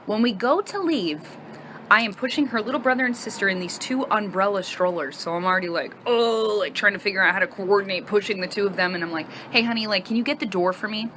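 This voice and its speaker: A woman in her thirties telling a casual, animated storytime and acting out the other voices. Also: mid-range voice, fast, a little hiss or hum. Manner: animated, acts out quoted voices.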